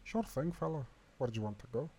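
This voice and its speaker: A man's voice: medium pitch, animated, fast talker, darkish tone, breathy edge. A man voicing a relentlessly cheerful male ship computer with a chirpy, over-eager and fawning manner.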